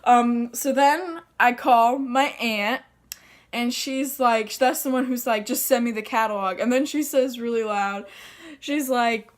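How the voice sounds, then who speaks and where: A young woman tells a story in a casual, rambling way. She swears often and leans on fillers. Her voice sits a little high. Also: slow. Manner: chatty, profane, full of fillers. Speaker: vlogger.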